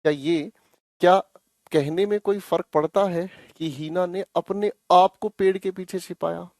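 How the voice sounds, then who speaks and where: Male tutor, slightly high voice, dry close sound, patient and repetitive. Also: steady tone, unhurried, darkish tone, dry recording. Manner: coaxing, repeats phrases, calls students children. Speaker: English teacher. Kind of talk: online class explanation.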